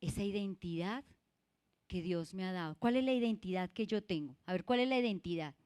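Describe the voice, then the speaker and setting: A woman's voice: fairly low pitch, lively intonation, a little fast, a little mellow, clear, resonant tone. A woman church leader preaching a sermon, emphatic and putting questions to her congregation.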